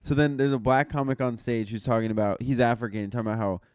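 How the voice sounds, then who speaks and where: Smooth-voiced young comedian telling stories. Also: male voice, medium pitch, quick pace, no echo, studio quality. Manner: storytelling, animated, swears freely. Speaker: podcast co-host and comedian. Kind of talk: casual chat.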